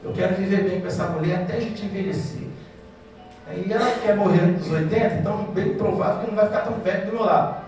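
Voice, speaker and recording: A Brazilian pastor preaching to couples in an animated way, trading lines with his audience. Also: high-pitched, quick pace, over music. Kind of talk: sermon to couples. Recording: very echoey hall, mic from far off.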